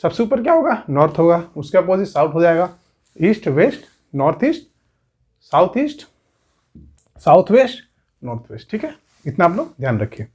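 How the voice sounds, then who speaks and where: A man's voice: high voice, sing-song, moderate pace, pauses often, a little mellow, slightly rough. A male coaching teacher explaining at a whiteboard, who keeps saying "theek hai" and puts rhetorical questions to his students. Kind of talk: exam coaching lesson.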